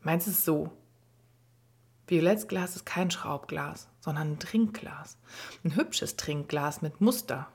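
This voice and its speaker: A woman reading a children's story aloud, gently narrating and sometimes dropping to a half-whisper. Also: low-pitched, measured pace, gravelly, breathy edge.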